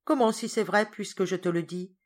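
A woman voicing a stern, sharp-tongued governess who scolds firmly. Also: medium pitch, moderate pace, natural voice. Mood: scolding. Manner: firm, scolding.

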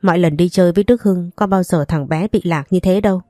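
A woman's voice: lowish voice, fast talker, warm tone, dry recording, clean studio sound, lightly acted. Woman reading as an angry grandmother. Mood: furious. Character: furious grieving grandmother.

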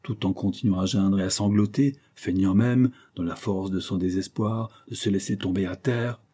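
Mellow husky male audiobook narrator. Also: sits low, steady tone. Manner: measured, dramatic reading. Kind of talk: scripted narration.

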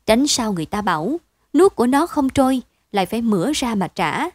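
A woman reads a story aloud for bedtime in a steady, expressive way. Her voice sits a bit high. The recording is dry and close, with no room sound. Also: fairly quick, dry recording. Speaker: narrator.

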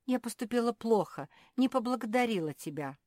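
A woman's voice: a little high, animated, a little mellow, dry recording, clean studio sound, voice pushed up, close to an everyday voice. A woman doing an eager young dog girl. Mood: apologetic. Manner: eager, brisk, impulsive. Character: impulsive young female dog schoolgirl. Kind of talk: storybook reading.

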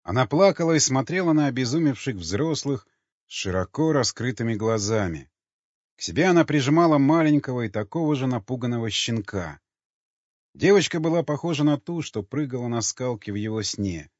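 A man reading an audiobook in a steady, measured narration. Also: mid-range voice, no echo. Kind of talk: scripted narration. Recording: slightly muffled with faint music.

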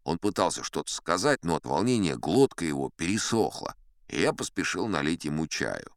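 Old sea captain, very low voice, animated swoops, pompous storytelling, theatrical audiobook, close dry sound. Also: male voice, moderate pace, dry recording. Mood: dramatic, suspenseful. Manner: pompous, conversational asides to a young listener. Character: old sea captain spinning tall tales, pompous and dignified. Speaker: audiobook performer narrating as a character. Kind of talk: theatrical first-person storytelling from an adventure audiobook.

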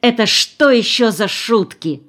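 A woman's voice: a little high, expressive, a little slow, a bit bright, voice pushed up. A woman reading an audiobook voices a prim elderly aunt who hisses reproaches. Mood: hissing reproach. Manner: hissing, reproachful.

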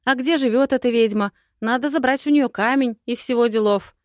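A shrill, exasperated young bride, as a woman reader puts her on. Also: a little fast, no room sound, clean studio sound, close to an everyday voice. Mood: incredulous. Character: feisty young bride, jumpy and sarcastic.

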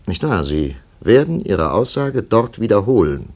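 An actor playing a stern male investigator in a 1950s radio drama, firm and measured as he questions a witness. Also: on the low side, sing-song, a little mellow.

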